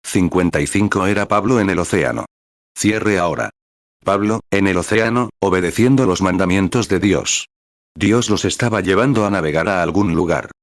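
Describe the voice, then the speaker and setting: A man reading a translated sermon aloud in a steady, measured way, calling out verse and paragraph numbers as he retells scripture stories. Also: low-pitched, no echo, studio quality. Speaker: sermon reader.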